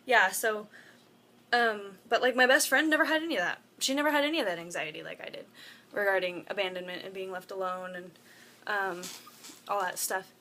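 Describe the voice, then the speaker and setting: A young woman vlogs casually into a propped-up phone in a room at home. Her tone is bright and forward. She rambles and wanders into asides, filling the gaps with lots of ums and likes. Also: mid-range voice, a little fast, a little hiss or hum. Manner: chatty, rambling with many fillers and asides. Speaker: vlogger. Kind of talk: casual talk to camera. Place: room at home with a window open.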